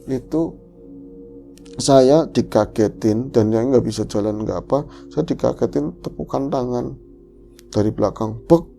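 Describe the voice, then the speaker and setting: A man's voice: a little slow, creaky, warm tone, faint music behind. A man, dramatically telling a first-person horror story as podcast host, acting out the quotes. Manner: dramatic, swings pitch and acts out quotes.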